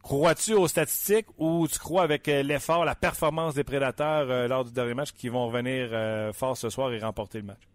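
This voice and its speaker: A man's voice: mid-range voice, fairly even intonation, fairly quick, hardly any pauses, no echo. A man with a Quebec French accent hosting a sports radio show, asking questions with fillers and stammers. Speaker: radio host.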